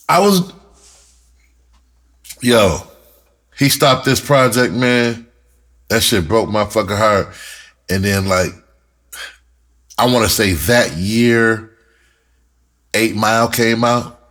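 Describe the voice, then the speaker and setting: A middle-aged American man, a rapper and writer, tells his own story in a casual, candid way, swearing freely and repeating words for emphasis. His voice sits in the mid-range with a fairly bright tone.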